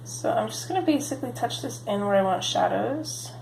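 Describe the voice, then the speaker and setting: This coloring channel host talks briskly in a fairly high voice with vocal fry, chatting casually and saying um often while she colors, a little sniffly with a cold. The low-quality recording sounds roomy, with slight background noise.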